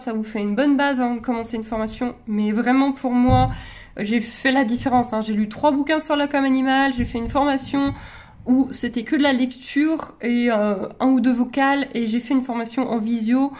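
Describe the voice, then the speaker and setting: A woman's voice: on the high side, fairly even intonation, moderate pace, darkish tone. A woman talking in a casual, rambling vlog style, often interrupting herself and laughing at her own tangents. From France. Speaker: vlogger on animal care.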